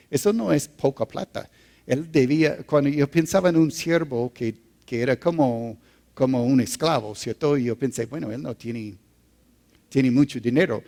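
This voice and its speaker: A man preaching a sermon, reading scripture aloud and explaining it with frequent halting restarts. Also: mid-range voice, warm tone. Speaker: pastor. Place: church. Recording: long reverb in a church hall.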